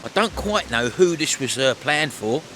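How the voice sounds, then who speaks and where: A man's voice: medium pitch, big pitch swings, normal speed, a bit bright. A middle-aged man hosting a casual walk-and-talk vlog, chattily addressing his viewers. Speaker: vlog host. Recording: music behind the voice. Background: music.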